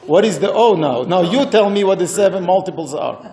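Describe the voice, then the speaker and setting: A man with a Moroccan accent teaching an interactive religious text class, halting and repeating phrases for emphasis. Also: sits high, lively intonation, dark tone.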